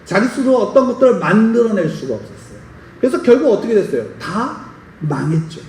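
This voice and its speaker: Lively preacher man in an echoey church. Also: high voice, brisk, a little hiss or hum. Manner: lively storytelling with questions to the congregation. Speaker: pastor. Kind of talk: sermon. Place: church sanctuary. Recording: roomy church sound from a distant mic.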